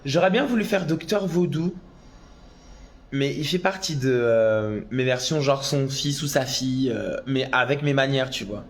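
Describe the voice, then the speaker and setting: A man chats on a casual phone live stream, answering viewer comments as they come in. He is excitable and talkative, and he sometimes breaks into loud exclamations. His voice sits at an ordinary middle pitch for a man. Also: a little slow. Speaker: drag performer on a live stream.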